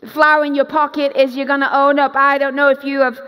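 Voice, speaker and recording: A high-voiced woman pastor preaches quickly in a conference sermon, and the audio sounds dull. She acts out quoted voices and moves around a large, dark stage, where long hall reverb lingers.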